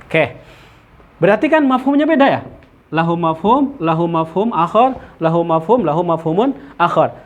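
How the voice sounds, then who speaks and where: A man leads a study circle lesson. His voice sits high for a man. He explains slowly, with many fillers and Arabic terms, and often checks in with his listeners. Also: animated, narrow, tinny audio. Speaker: teacher of Islamic theology.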